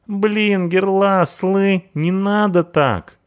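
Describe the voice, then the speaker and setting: A cheeky young punk guy with a whiny, slangy drawl, pitched far up, as a male audiobook reader puts him on. He sounds loud and pushy, each line stretched out lazily. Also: extremely slow, smooth.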